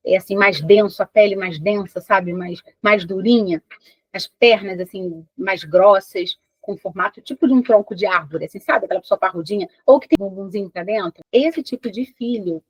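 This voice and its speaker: A woman's voice: mid-range voice, slightly rough, no echo, low-quality recording. A woman with a Brazilian Portuguese accent who gives parenting advice and talks straight to mothers, explaining things and asking them questions. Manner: explanatory, addresses the mother directly with rhetorical questions. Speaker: parenting educator. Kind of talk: direct-to-camera advice talk.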